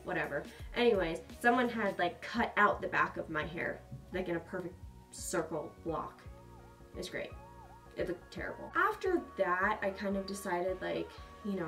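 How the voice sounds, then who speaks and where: A young woman vlogger casually telling a personal story, chatty and animated, with sarcastic asides. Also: on the low side, distant mic.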